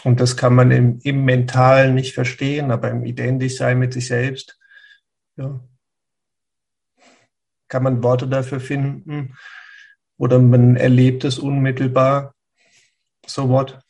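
A man speaking as a spiritual teacher who answers a listener's question in a slow, searching way, with pauses and restarts. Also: mid-range voice, monotone, vocal fry, darkish tone.

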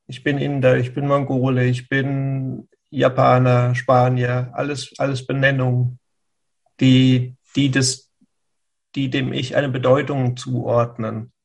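The spiritual teacher's mid-range voice stays monotone and gravelly. He answers the listener slowly, as if searching, with frequent pauses and restarts.

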